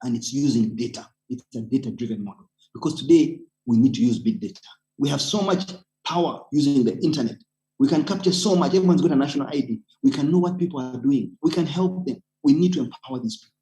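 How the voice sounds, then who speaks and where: This Ugandan-accented man is a webinar panelist and community organizer, giving a personal account while fervently urging others on. His medium-pitched voice is warm and fast, and the recording is rough.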